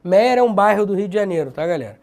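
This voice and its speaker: Lively slangy Brazilian grammar teacher. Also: male voice, sits high, quick pace, vocal fry. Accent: Brazilian Portuguese. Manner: lively, slangy, emphatic drilling of examples. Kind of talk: recorded video lesson.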